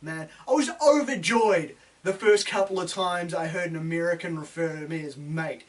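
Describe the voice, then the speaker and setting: High-pitched man, broad Kiwi accent, ranting. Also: moderate pace, far from the mic. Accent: broad New Zealand. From New Zealand. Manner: sweary, blunt, sardonic, slangy. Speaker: opinion video host. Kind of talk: opinionated rant to viewers.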